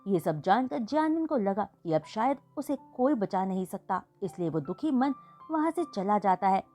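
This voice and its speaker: Woman, mid-pitched storyteller, steady recap narration, faint music bed. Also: moderate pace. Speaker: fan fiction narrator.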